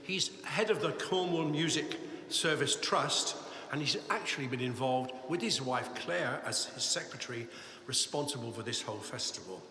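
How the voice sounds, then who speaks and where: A man's voice: mid-range voice, lively intonation, normal speed, pushed and bright, a little hiss or hum. A man announcing choirs and judges at a live cathedral competition, chatty and correcting himself as he goes. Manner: chatty, self-correcting, apologetic asides. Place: large cathedral. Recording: echoey cathedral with long reverb.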